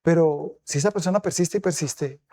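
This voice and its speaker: A male pastor delivering a sermon in a high, gravelly voice with a dark, mellow tone. He keeps asking his congregation rhetorical questions. He also acts out quoted remarks in a changed voice. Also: normal speed.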